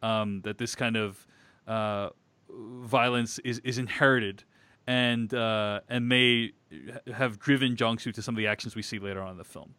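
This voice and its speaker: A podcast host with a lowish, sharp yet smooth voice talks through a film in a casual discussion. He keeps a steady tone at normal speed with no echo, rambling with many restarts and fillers.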